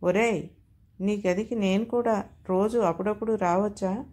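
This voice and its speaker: A woman reading the part of an eager young bachelor friend in a storybook, speaking in a hushed, murmuring way. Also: mid-range voice, steady tone, normal speed, close to an everyday voice. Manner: hushed, whispering in the ear.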